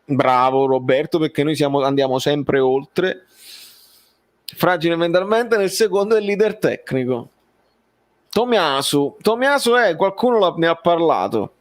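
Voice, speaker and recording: A man hosting a football live stream, chatting casually as he answers viewers, often halting and repeating his phrases. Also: fairly high pitch, lively intonation.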